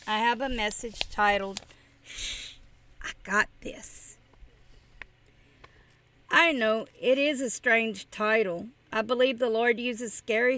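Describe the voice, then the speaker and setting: A woman's voice: high-pitched, a bit bright, dry recording. A woman giving a church message, telling a story and often chuckling as she goes. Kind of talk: storytelling sermon.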